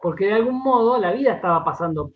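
Heard through narrow, tinny audio, this Argentine radio drama director talks as an interview guest in a high-pitched, expressive voice at a quick pace. He explains things by repeating words and often checks in with short tag questions.

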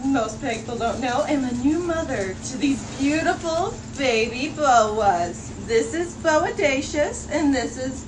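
A woman with a high voice explains her animals at an easy, slow pace. She sounds cheerful and informative. Clear background noise runs under her voice. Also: lively intonation. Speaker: animal keeper presenting baby snakes.

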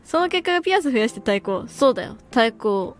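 A woman's voice: on the high side, big pitch swings, quick pace, faint music behind. A young woman streaming as a VTuber, chatting casually and reading viewer comments, laughing often and using slangy speech.

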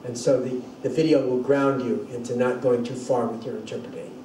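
An older man delivers a thoughtful university lecture, often restarting his sentences, in a warm, steady, mid-range voice that runs a little fast. The classroom recording is echoey with a distant mic and a slight hiss or hum.

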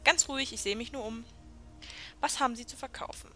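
A woman's voice: on the high side, brisk, pushed and bright, soft background music. A woman hosting a let's play, chatting sarcastically while reading the game's dialogue aloud. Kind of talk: gameplay commentary.

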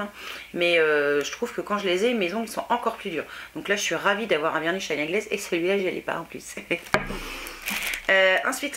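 A woman's voice: on the low side, a bit bright, slight background noise. A young woman chatting casually through an unboxing, self-deprecating, with many fillers. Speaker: beauty vlogger.

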